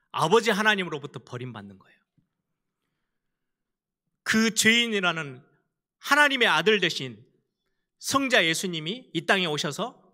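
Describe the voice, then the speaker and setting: A man preaching in a church sanctuary, his voice bright and forceful, a little high for a man. He tells the story with emphasis and acts out its people. A long reverb hangs after each phrase. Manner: emphatic, animated storytelling with dramatized quotes. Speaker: pastor. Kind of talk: sermon.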